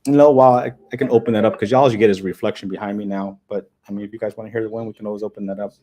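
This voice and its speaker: A man's voice: lowish voice, fairly even intonation, very fast, dark tone. A man hosting a casual livestream, rambling and repeating words as he reads and answers comments. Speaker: livestream host. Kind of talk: casual livestream chat reading viewer comments. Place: hotel room, indoors.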